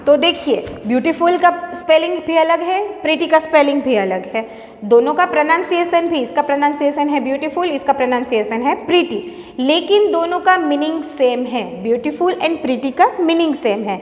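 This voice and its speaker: A woman's voice: sits high, a little fast. A woman teacher with an Indian English accent explains a lesson to her students, repeating each point patiently and checking in with "okay?". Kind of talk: classroom lesson mixing Hindi and English. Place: classroom. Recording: echoey room, long reverb.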